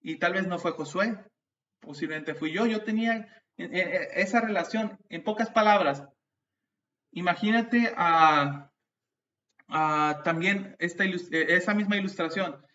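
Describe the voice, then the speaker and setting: Heard through a distant, dull mic in a church, a man with a high voice delivers a sermon at a measured pace. He animatedly tells stories, restarts now and then, and turns to the congregation with asides.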